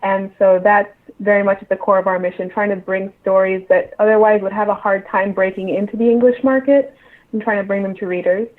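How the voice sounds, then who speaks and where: An associate editor at a publisher, appearing as a guest on a remote call, answers interview questions casually. Her mid-range voice stays steady and moves fairly quickly. The line sounds muffled and band-limited.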